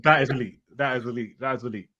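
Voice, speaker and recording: A young man co-hosting a football podcast in casual, excitable chat, often laughing and talking in quick bursts. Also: mid-range voice, dull audio. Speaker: podcast co-host.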